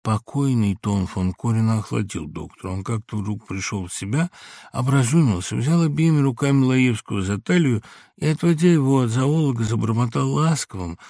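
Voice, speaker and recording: A man narrating a classic story in an audiobook, with expressive, theatrical reading. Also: medium pitch, normal speed, no room sound, studio quality. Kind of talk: dramatic literary narration.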